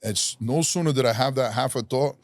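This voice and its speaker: A man from Rhode Island, a podcast guest, casually telling a long personal story in an animated, self-deprecating way and acting out the voices of the people in it. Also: medium pitch, a little fast, dry recording. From Rhode Island, USA.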